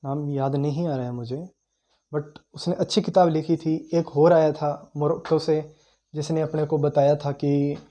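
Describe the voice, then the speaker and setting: Young guy teaching history, mellow voice kinda high, lots of uh pauses. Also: steady tone, dull audio. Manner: conversational, repeats key terms, frequent "uh" pauses while recalling. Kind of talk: informal history lecture.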